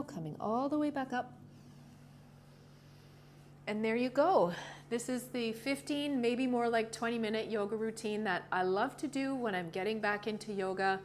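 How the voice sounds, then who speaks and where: A woman leading a yoga class with short, calm cues in a gentle, encouraging, informal way. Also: medium pitch. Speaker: yoga instructor. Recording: clearly noisy ambient background.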